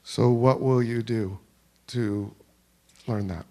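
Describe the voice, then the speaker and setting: A man's voice: mid-range voice, fairly even intonation, slow, dark tone. A man leading a live workshop at a conference, encouraging and asking pointed questions. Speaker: workshop facilitator. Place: conference hall with audience.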